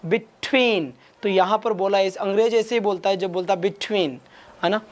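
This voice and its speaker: Brisk male teacher urging students on. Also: high voice, fairly even intonation. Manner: rapid Hindi-English mix, urges students with quick questions. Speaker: exam-prep English teacher. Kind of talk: online class lecture.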